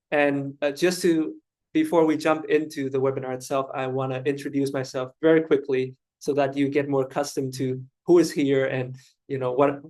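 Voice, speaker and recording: Chatty man moderating a webinar, flat. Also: mid-range voice. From Vietnam. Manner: chatty, self-deprecating, with frequent fillers. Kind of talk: hosting an online webinar. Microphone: video call.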